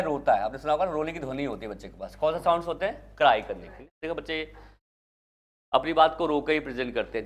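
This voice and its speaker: A man from India teaching an exam-prep class. He keeps asking the students questions, answers them himself, and mixes English terms into his Hindi. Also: mid-range voice.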